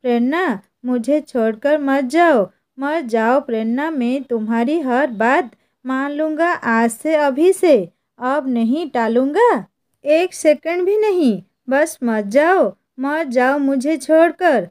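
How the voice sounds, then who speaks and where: A woman's voice: sits high, takes it slowly, darkish tone. A woman voicing a desperate young husband who frantically begs his dying wife to stay. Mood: desperate pleading. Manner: frantic, begging.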